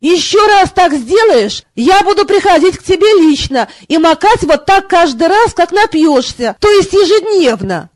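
A hungover young king snaps and sneers in an audiobook scene, as a woman reader voices him. Her voice stays very high, and the recording is dry and close. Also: sing-song, moderate pace, hardly any pauses, no room sound. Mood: snappish. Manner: snappish, sarcastic.

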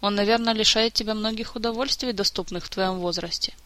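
Woman reading as a playful worldly elf man, bright tone, dry close sound. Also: mid-range voice, steady tone, a little fast, dry recording, close to an everyday voice. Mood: easygoing. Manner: playful, mildly mocking. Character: cheerful adult male elf, teasing and worldly.

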